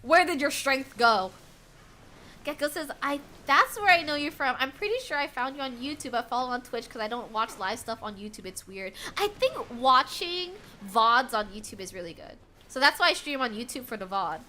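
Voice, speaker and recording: A young American woman streams a game while chatting casually with her chat, giggly and animated with frequent bursts of laughter. Her voice is a little high and moves at a normal speed. Faint game music and slight background noise sit behind her.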